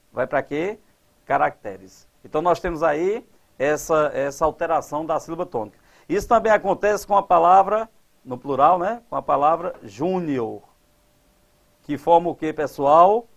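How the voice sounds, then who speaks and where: Male grammar teacher, higher voice. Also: creaky. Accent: Brazilian Portuguese. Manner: didactic, asks the class questions and answers them; stretches out example words slowly. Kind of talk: grammar lesson at a board.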